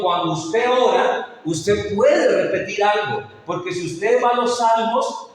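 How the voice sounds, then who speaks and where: Man preaching, high voice, sermon to the congregation, heavy echo, distant from the mic. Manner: addresses listeners as brother, asks rhetorical questions. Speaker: pastor. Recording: echoey hall, voice from far off.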